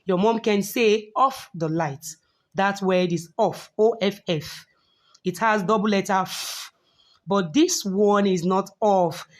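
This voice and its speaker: Slow, patient woman teaching phonics. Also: mid-range voice. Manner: slow, patient, repeats words for learners. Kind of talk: online phonics lesson for young children.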